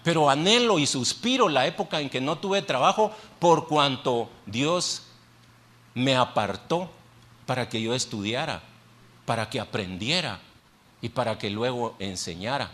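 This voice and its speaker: A man's voice: medium pitch, animated, unhurried, a bit bright. Male pastor preaching in church on a mic, chatty, repeats stuff for emphasis, asks the crowd questions. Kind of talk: sermon. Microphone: handheld microphone.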